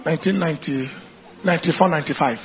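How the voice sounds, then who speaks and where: A Nigerian-accented man with a fairly high voice preaches at a quick pace, sharing anecdotes and driving his message home with emphatic repetition. He declaims to the congregation in an animated sermon. The audio is dull, with some chatter behind him.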